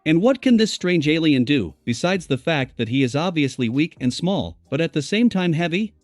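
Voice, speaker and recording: A man voicing a critical young girl in an audiobook reading, in an even, skeptical tone. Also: fairly high pitch, normal speed, no echo, soft background music, close to an everyday voice. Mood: curious.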